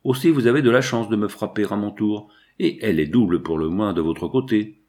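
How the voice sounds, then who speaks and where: Man reading vengeful young prussian, low voice, forceful, accusing. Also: a little fast, close to an everyday voice. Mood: defiant.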